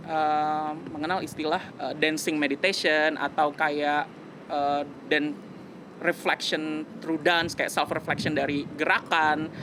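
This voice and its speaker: A man's voice: on the high side, noisy background. A man in his twenties, a musician guest, talking earnestly and reflectively in a casual interview, slipping in English phrases. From West Java, Indonesia. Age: 20s.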